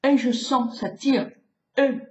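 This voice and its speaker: A woman's voice: sits high, steady tone, slow. A French beautician in her sixties giving a chatty, demonstrative face-exercise lesson, stretching out vowel sounds as she goes. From France. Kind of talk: casual face-exercise tutorial. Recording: roomy, slightly dull home video.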